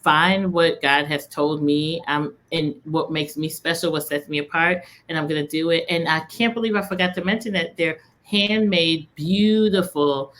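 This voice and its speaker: A woman hosting a podcast interview, warmly effusive and encouraging toward her guest. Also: deep voice, moderate pace, hardly any pauses, slight background noise. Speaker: podcast host.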